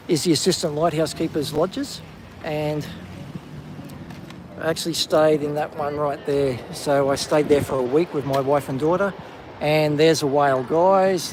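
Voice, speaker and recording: Aussie guy rambling on a live walk, slightly high voice, lots of ums, faint outdoor hum behind. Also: a little slow. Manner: casual, chatty, lots of ums, excited calling out whales. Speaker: live-stream host. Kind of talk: live walking vlog commentary. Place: outdoors on a coastal clifftop walk.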